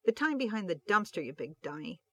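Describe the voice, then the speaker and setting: Reader doing a male cop, impulsive, worried, loud and pleading, storybook reading. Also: mid-range voice, very animated, fairly quick, no echo. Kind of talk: audiobook reading of fan fiction.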